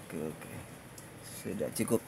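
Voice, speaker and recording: A man's voice: low voice, unhurried, vocal fry, crowd noise. A man making a casual enquiry as a caller on the phone. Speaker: caller to a helpline. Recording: phone call with faint background noise.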